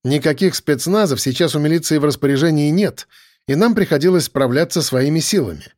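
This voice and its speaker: Male narrator, first-person story read, wry edge, slightly high voice. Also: brisk, a little mellow, no room sound, clean studio sound. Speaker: audiobook narrator.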